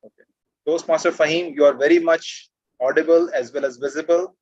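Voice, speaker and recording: A man's voice: fairly high pitch, fairly even intonation, brisk, a little mellow, no room sound. A man announcing formally as a contest host, courteous and repeating his phrases. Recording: slightly dull, lo-fi online call audio.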